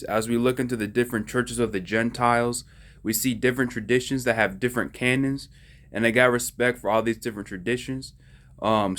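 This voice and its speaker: A man explaining the Bible in a casual, conversational teaching style, often checking that listeners follow along. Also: medium pitch. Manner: conversational, folksy, asks listeners if they follow. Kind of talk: casual religious explainer video.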